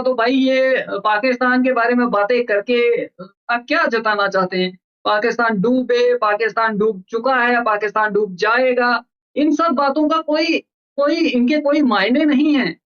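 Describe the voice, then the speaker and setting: A man's voice: extremely high pitch, smooth, highs cut off. A man hosting a reaction video, delivering heated, scornful commentary with repeated phrases.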